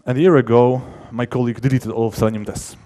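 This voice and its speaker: This male software developer gives a conference talk quickly, in a mellow, easygoing voice of ordinary male pitch. His technical explanations are casual, with emphasis placed on key words, and his sentences often break off and restart as he rewords them.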